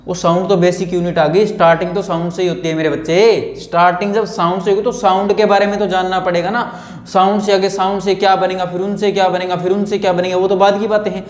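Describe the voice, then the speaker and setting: A man teaching an English lesson in Hindi, chatty and playful, who keeps repeating points and quizzing his students. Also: high-pitched. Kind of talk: informal online lesson. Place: home room recording himself on camera. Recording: echoey room.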